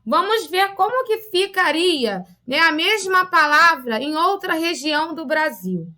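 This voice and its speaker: A woman teacher with a Rio de Janeiro accent gives a recorded lesson for children. Her voice sits high and comes across clear and bright. She explains patiently, often ending sentences with short questions to check the class is following. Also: lively intonation, measured pace. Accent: Rio de Janeiro Portuguese. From Rio de Janeiro, Brazil.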